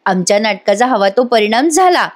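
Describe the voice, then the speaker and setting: A woman voices a playful young sister-in-law who teases and then apologizes. Her voice is fairly high, animated, close to everyday speech, and at normal speed.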